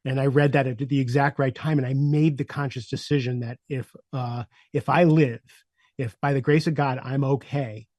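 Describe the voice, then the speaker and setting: An older man in his sixties shares his personal story as a podcast guest. His voice sits at a middle pitch, and he talks reflectively with many "uh" pauses. The sound is dry and close, with no room echo. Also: fairly even intonation. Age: 60s. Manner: reflective, many "uh" fillers, drops softer at emotional moments.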